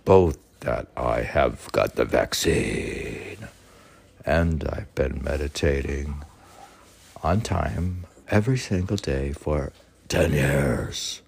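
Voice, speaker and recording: A man with a New York accent reads his own poems aloud in a rumbling low, slightly mellow voice with vocal fry, taking his time. Between poems he meanders through spoken commentary, answering himself with plenty of fillers. There's slight background noise.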